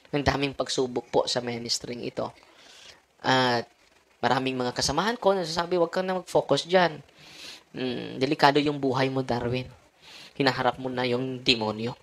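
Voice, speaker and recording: A man's voice: medium pitch, a bit bright. A Filipino-accented priest gives an informal sermon to his followers. He slides between Tagalog and English mid-sentence and tags his statements with a questioning "no?". He lets out short chuckles between his points. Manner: ends phrases with tag question "no?".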